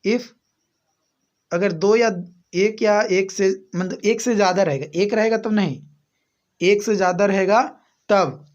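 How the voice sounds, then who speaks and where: A man with an Indian accent gives a classroom grammar lesson in a fairly high voice. He talks very slowly and repeats each rule, then asks his students rhetorical questions. The recording sounds muffled and lo-fi. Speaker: English teacher. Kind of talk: slow classroom explanation.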